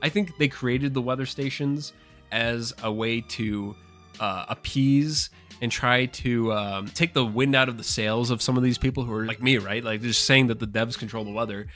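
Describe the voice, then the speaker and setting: A man giving casual, excitable commentary on a game, swearing often and calling his viewers "guys.". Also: mid-range voice, moderate pace, soft background music. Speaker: gaming YouTuber.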